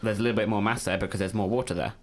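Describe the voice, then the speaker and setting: Low-voiced young man explaining science. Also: steady tone, rapid-fire. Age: young adult. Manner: explains patiently, dry jokes. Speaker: co-host. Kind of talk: casual science chat.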